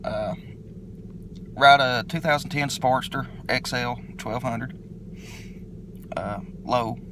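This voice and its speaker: Laid-back Kentucky man on a noisy phone video. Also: mid-range voice. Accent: eastern Kentucky. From eastern Kentucky. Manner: laid-back, halting, folksy. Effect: self-recorded phone video. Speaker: motovlogger introducing his channel. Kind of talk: casual unscripted vlog intro.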